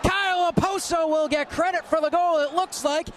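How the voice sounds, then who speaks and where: Over loud arena ambience, a man calls live ice hockey play-by-play for radio, excitable and urgent with a clipped running description of the action. His voice is very high-pitched and moves at a normal speed.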